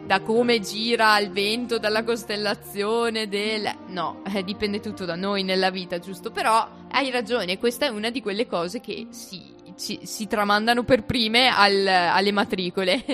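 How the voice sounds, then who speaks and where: A woman's voice: medium pitch, steady tone, measured pace, hardly any pauses, a bit bright. A young woman with an Italian accent co-hosting a casual, playful chat. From Italy. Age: young adult. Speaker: co-host of a university talk show. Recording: faint music under the voice. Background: music.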